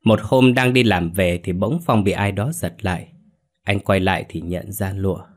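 A man narrates a scripted ghost story, his voice sitting on the low side. He reads steadily and slows to a hushed pace for the dread-filled moments. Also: steady tone.

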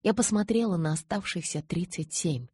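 Husky-voiced woman narrating an audiobook. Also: lowish voice, moderate pace, warm tone, no echo. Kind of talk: scripted first-person narration.

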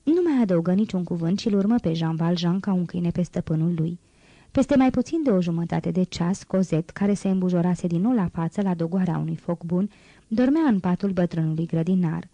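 A woman narrating a classic novel as an audiobook in a steady, even manner. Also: on the low side, no room sound, dull audio. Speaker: audiobook reader.

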